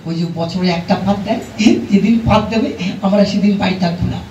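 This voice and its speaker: Man acting an excitable, quick-talking male puppet. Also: sits high, dull audio, slight background noise. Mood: stubborn. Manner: repetitive, insistent. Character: excitable male village puppets, matchmaker and stubborn groom. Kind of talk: comic puppet show dialogue. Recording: roomy, distant pickup with music.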